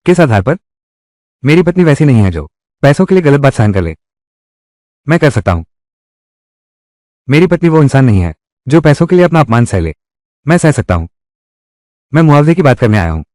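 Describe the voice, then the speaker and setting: A man's voice: medium pitch, big pitch swings, a little fast, pauses often, a little mellow, no echo, studio quality, lightly acted. A man voicing a stern young husband who stands up for his wife, in a firm, reproachful manner in dubbed drama dialogue.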